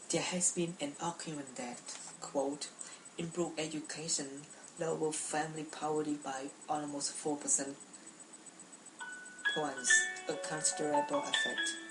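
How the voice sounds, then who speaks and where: A woman's voice: deep voice, flat delivery, a little slow, a bit bright, echoey room, far from the mic, soft background music, poor audio. A young woman from Cambodia giving a prepared class speech, speaking carefully with frequent restarts and repeated words.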